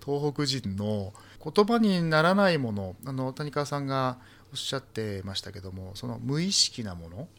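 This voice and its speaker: A man in his thirties or forties, a poet guest talking in a halting, soft-spoken way with many fillers. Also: mid-range voice, expressive. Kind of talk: casual talk-show conversation.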